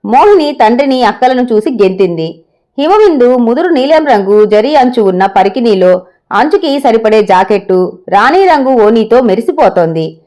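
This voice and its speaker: A woman reads a story aloud in scripted narration. Her voice sits fairly high and moves with animated pitch, steady and expressive throughout. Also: normal speed.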